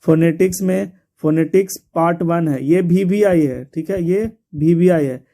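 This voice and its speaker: A man's voice: fairly high pitch, a little slow, warm tone. A man teaching an exam syllabus, repeating points and spelling words out letter by letter. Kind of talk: explaining a syllabus to students.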